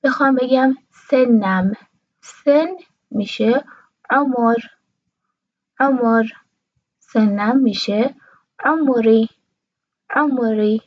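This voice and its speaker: Dry, clear-voiced woman teaching a language. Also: fairly high pitch, no room sound, muffled recording. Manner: repeats each word slowly and clearly. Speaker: Arabic teacher. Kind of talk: language lesson.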